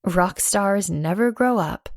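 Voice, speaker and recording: A woman's voice: medium pitch, slow pace, dry recording, clean studio sound. Woman narrating a romance audiobook. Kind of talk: first-person romance narration.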